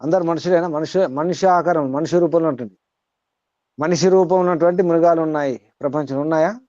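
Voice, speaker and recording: A man teaching to a group on a call, asking listeners direct questions and reciting verses slowly. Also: a little high, warm tone, no room sound, highs cut off. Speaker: spiritual teacher. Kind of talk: teaching over an online call.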